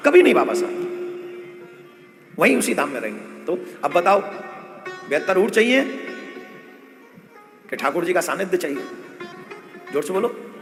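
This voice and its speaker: A man's voice: sits high, vocal fry, pushed and bright. A man giving a devotional sermon with comic stories, who acts out family members in a village dialect. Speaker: spiritual storyteller. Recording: echoey hall with faint music.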